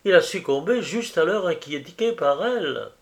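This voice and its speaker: A man's voice: a little high, expressive, moderate pace, pitched above the performer's own voice. A man reading aloud as an anguished, insistent young woman, raising his voice in pleading emotion.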